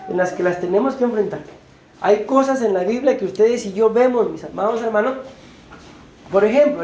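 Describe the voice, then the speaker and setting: A woman's voice: mid-range voice, mellow. A woman preaching a sermon, often asking her listeners "right?" and calling them beloved brethren. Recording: roomy church echo.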